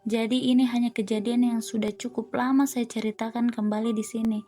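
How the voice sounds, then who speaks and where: A woman tells a horror tale in first person, calm and unhurried. her voice sits a little high yet sounds mellow and soft, with quiet music under it. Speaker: horror story narrator.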